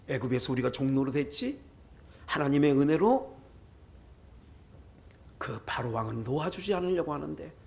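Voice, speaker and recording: A man preaching a sermon as pastor with a Chungcheong Korean accent, lively and rising to loud outbursts in church. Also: a little high. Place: church sanctuary.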